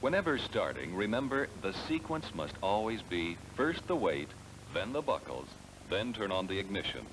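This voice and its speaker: This low-voiced American narrates a 1970s training film on car sales, reading instructions in a steady, explanatory way and addressing the listener directly. His intonation rises and falls vividly, and the soundtrack is noisy.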